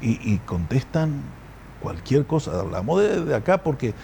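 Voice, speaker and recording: A man hosting a talk show, speaking in a casual, halting way with many fillers and restarts. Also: medium pitch, sing-song, gravelly, warm tone, slight background noise. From grew up partly in Argentina and Ecuador. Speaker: radio talk show host. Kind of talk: casual studio conversation.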